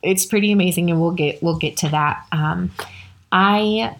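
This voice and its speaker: A woman's voice: fairly low pitch, normal speed. A woman hosting a podcast, telling a personal story in an earnest, conversational way with many fillers. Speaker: podcast host.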